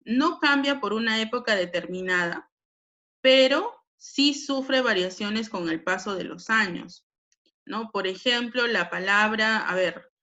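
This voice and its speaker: A woman's voice: fairly high pitch, measured pace, pushed and bright. A Peruvian woman teaching a language lesson, explaining patiently with frequent tag questions. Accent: Peruvian Spanish. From Peru.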